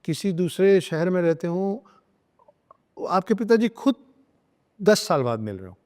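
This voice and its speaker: A man talking earnestly as a podcast guest, hammering his points home with repeated phrases and bits of English. His voice sits a little high but sounds dark and mellow. A long reverb trails after his words. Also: very animated, measured pace. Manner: emphatic, lecturing, repeats phrases and slips into English. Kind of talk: earnest podcast talk on spirituality and parenting.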